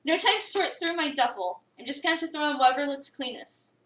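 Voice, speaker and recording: Speaking from well away from the mic in an echoey room, a woman streamer performs a visual novel aloud, acting out lines and dropping in casual chatter. Her high voice is lively, brisk and a bit bright.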